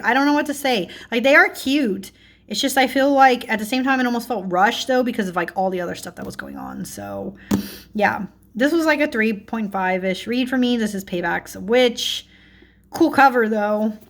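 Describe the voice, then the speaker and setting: A woman's voice: a little high, sing-song, moderate pace. Chatty woman rambling through a book review. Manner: chatty, filler-heavy, self-correcting, frequent laughs. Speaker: book and tarot vlogger. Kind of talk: casual book review chat.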